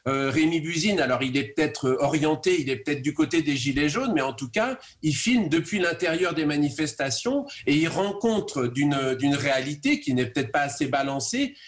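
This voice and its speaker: A man with a fairly high voice makes a long argument as a guest in a radio debate. He stumbles over repeated words and keeps going. The setting is a radio studio. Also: lively intonation. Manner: halting, stacks of repeated words.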